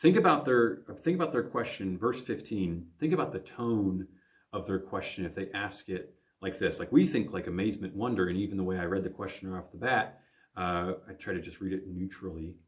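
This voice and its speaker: A man's voice: low-pitched, fairly quick. A man, a pastor from the American Midwest, teaching a recorded Bible lesson for teens, thinking aloud with frequent fillers and restarts.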